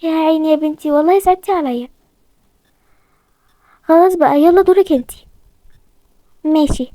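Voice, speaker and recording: A woman's voice: high voice, brisk, dark tone, dry recording. A woman with an Egyptian accent voicing a chatty back-and-forth toy-game story, switching between the girls. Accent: Egyptian Arabic.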